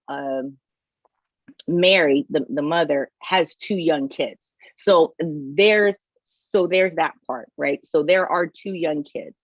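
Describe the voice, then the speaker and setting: A woman's voice: low voice, dry recording, muffled recording. A woman co-hosting a casual podcast chat, thinking aloud and restarting her sentences. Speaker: podcast co-host.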